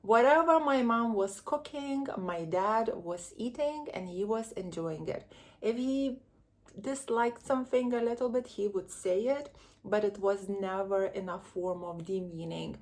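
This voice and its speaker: A woman's voice: mid-range voice, measured pace. A woman speaks straight to her viewers as a relationship coach. She takes her time, sharing candid stories from her own upbringing in a chatty, earnest manner. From Lithuania. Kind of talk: direct-to-camera advice vlog.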